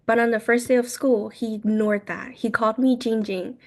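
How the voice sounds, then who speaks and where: A woman in her twenties who grew up in China speaks English as a second language, in a fairly high voice. She tells her story in casual, halting phrases, leaning on "like" and "I was like" to quote herself. She is a podcast guest in a relaxed interview. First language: Mandarin. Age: 20s.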